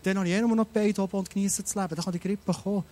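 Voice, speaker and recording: A man preaching a sermon, animated and speaking straight to his listeners with many rhetorical questions. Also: high voice, very fast.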